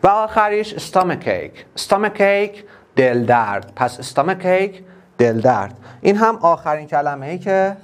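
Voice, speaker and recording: A man with a Persian accent teaching an English class online, explaining each word step by step and repeating it slowly. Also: fairly high pitch.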